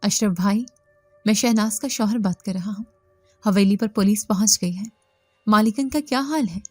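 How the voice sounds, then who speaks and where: A woman's voice: mid-range voice, darkish tone, no echo, faint music behind, close to an everyday voice. A woman voicing a worried middle-aged husband who scolds and fires off urgent questions in a storybook reading.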